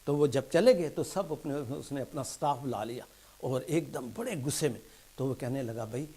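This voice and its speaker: A stand-up comedian telling jokes as short stories, mixing in English punchlines and dropping his voice low and soft for quoted replies. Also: husky. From England. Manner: storytelling in Urdu mixed with English punchlines; soft, low asides when quoting characters.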